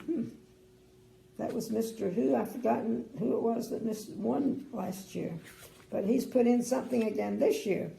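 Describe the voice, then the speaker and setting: An older woman, a sweet grandmotherly storyteller with a creaky voice, reads a bedtime story expressively and adds chatty asides. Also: fairly high pitch, normal speed, dark tone, a little hiss or hum. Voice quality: creaky, gravelly. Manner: sweet old lady, grandmotherly. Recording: roomy indoor echo.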